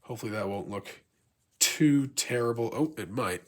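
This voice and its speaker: A man's voice: mid-range voice, animated, normal speed. A man with a stuffy, blocked nose from being sick, giving a casual unboxing review in a rambling, gushing fan manner. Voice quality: congested, stuffy-nosed. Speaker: YouTube toy collector and reviewer.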